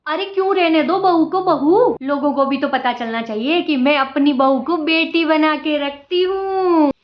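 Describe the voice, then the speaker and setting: A woman playing a bossy high-voiced mother-in-law. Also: unhurried. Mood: flustered. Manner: bossy, lecturing, backpedals flusteredly. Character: fussy mother-in-law, middle-aged woman, showy and bossy. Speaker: mother-in-law in a comedy skit. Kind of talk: home-made comedy skit acting. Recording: roomy, slightly dull home video audio.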